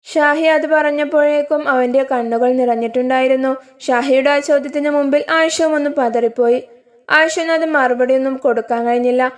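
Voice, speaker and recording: A woman narrating a scripted story in a calm, even way. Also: high-pitched, moderate pace.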